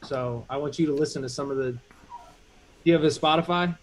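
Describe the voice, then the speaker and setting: Brisk and slightly high, his voice comes with a little hiss or hum in the recording. He's the host of an informal live chat, mentoring a guest on music production and peppering his advice with many fillers.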